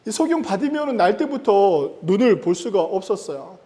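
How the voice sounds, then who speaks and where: Pastor, man, high mellow voice, emphatic preaching, long church-hall reverb. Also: very animated, moderate pace. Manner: emphatic preaching with rising stress and sudden drops in loudness. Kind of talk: sermon. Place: church sanctuary.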